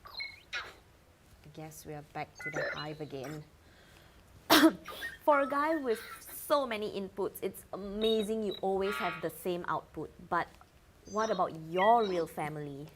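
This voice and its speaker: A woman's voice: medium pitch, animated, unhurried, noisy background, close to an everyday voice. A woman playing a glib, vain male talk-show host in a scripted satire, wisecracking and stammering. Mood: breezy.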